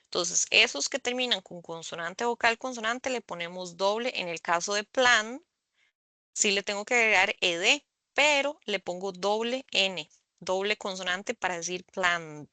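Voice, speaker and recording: A woman tutoring English over a video call, explaining slowly and patiently, often checking in with the students. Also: medium pitch, bright, forceful tone, no room sound. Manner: slow, patient explaining with frequent "¿verdad?". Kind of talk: online tutoring session. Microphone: computer mic on a video call.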